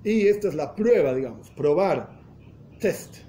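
A man's voice: on the high side, expressive, measured pace, mellow. A man teaching a religious text, explaining step by step and often rephrasing himself as he goes. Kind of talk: explanatory lesson in Spanish with Hebrew and Yiddish terms.

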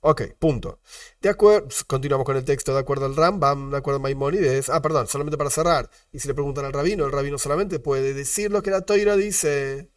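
A man with an Argentine Spanish accent, teaching a religious lesson as a rabbi, animated, asking rhetorical questions and repeating his disclaimers. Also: medium pitch, brisk, dry recording, studio quality, far from the mic.

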